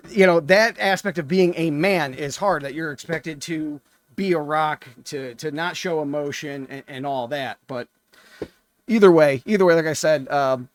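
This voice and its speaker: A man's voice: a little high, moderate pace. A middle-aged man hosting a reaction video, thinking aloud in an earnest, casual way.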